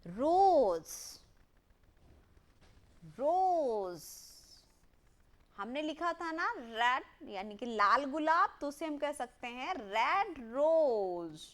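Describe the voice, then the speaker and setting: A woman teaching a lesson to young children, asking questions and having the class repeat words after her in drawn-out call and response. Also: high-pitched, sing-song, a bit bright.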